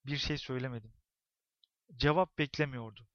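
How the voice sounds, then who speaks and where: Expressive man narrating an audiobook. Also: mid-range voice, normal speed, no room sound, dull audio. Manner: expressive, tense storytelling.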